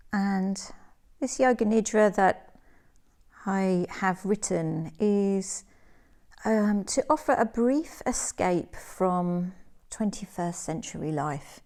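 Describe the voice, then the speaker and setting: A female yoga teacher guides a relaxation meditation in a soothing, gentle voice of medium pitch, speaking in measured phrases broken by pauses.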